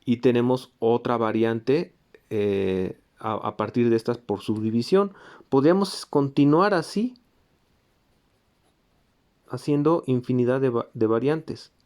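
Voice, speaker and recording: A man's voice: medium pitch, unhurried, darkish tone. Guy teaching music theory, explains step by step, sings little rhythm sounds to show it. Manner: pointing to examples on a board. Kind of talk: recorded lecture.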